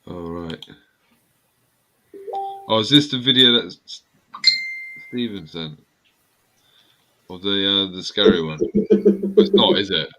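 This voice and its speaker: A man's voice: deep voice, big pitch swings, takes it slowly, long pauses, bright, forceful tone. A man hosting a casual live stream from home, joking around and laughing often. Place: home room near a staircase.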